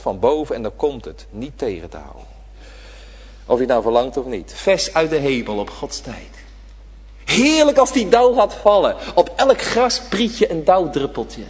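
A man preaching a sermon to his congregation, swinging between loud emphatic lines and hushed ones. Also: a little high, husky. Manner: addresses the congregation directly. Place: church. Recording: reverberant church hall.

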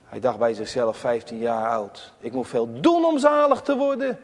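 A man preaching a sermon to his congregation, emphatic, rising to high cries and dropping to hushed tones. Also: lively intonation, normal speed, in a large hall. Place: church.

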